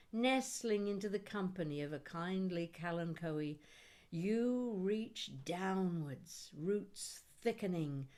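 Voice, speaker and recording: A poet reads her own work slowly and expressively, with deliberate, measured phrasing, dramatic pauses, and a few brief chatty asides. Her voice is fairly low in pitch with a darkish tone.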